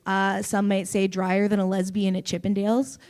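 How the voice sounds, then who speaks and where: Gravelly young woman doing open mic stand-up. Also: mid-range voice, moderate pace. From Canada. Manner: deadpan with sudden loud bursts and giggles. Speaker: stand-up comedian. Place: small comedy venue on stage.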